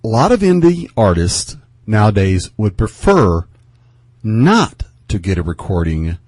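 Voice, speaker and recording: Midwestern male radio host, low voice, dry close mic, rambly with lots of uhs. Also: very animated, a little slow, darkish tone, dry recording. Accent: Midwestern American. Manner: rambling, many fillers and restarts. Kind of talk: radio interview.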